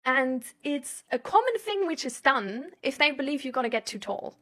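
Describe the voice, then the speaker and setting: A high, very animated, slightly bright female voice moves at a moderate pace. The speaker, a woman from Germany, hosts live and chats casually, rambling and thinking aloud with hesitant giggles and frequent laughter.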